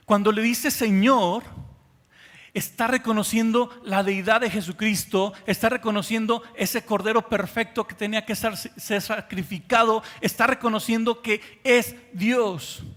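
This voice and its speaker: A man with a Mexican Spanish accent preaches from the pulpit in a fairly high, lifted voice. His delivery moves between quiet, intimate stretches and swelling, emphatic appeals. The sound carries a long reverb of a large hall. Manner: impassioned preaching, swinging from soft to loud. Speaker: pastor. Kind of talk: sermon.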